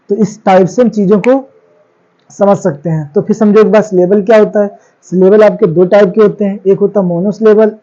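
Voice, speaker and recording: Guy teaching class, high voice, asks then answers himself, dull lo-fi sound. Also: warm tone. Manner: asks questions and answers them himself, repeats key words. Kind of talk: classroom lecture on English grammar.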